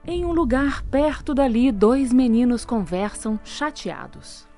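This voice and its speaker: A woman's voice: fairly high pitch, lively intonation, takes it slowly, warm tone, faint music behind. A woman narrating a scripted children's story.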